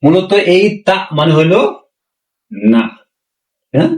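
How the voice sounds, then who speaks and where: A man teaching a language lesson, repeating phrases slowly and asking the class rhetorical questions. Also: on the high side, expressive, a little mellow. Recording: roomy, mic far from speaker.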